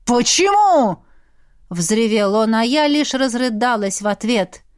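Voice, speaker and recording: A woman reading a first-person fantasy audiobook in a steady, expressive storytelling voice. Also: on the high side, unhurried, smooth, no echo, studio quality. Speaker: audiobook reader.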